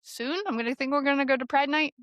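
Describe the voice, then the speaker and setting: A woman with a fairly high voice chatting casually as a podcast co-host. She talks easily and fills her pauses with ums and uhs. The recording is dry and close. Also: steady tone, fairly bright tone, no echo. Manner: chatty, with filler-heavy phrasing.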